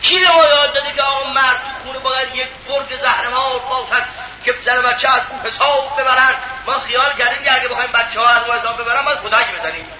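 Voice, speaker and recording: A man preaching a sermon in a very high voice, pressing his listeners with pointed rhetorical questions. The sound is dull and lo-fi, with clear noise behind him. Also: steady tone, roomy sound. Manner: emphatic, rhetorical questions to the audience.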